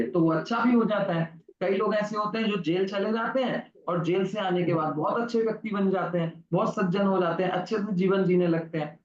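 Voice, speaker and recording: A man's voice: high-pitched, reverberant, muffled recording. A man teaching a religious lesson to children, telling a story and asking questions he answers himself. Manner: asks the class questions and answers them himself. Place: online class recording.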